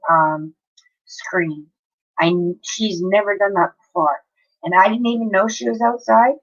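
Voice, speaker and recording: A woman's voice: medium pitch, highs cut off. A woman, livestreaming from home and telling a long story in a casual, chatty way with frequent swearing. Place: home, near an open window.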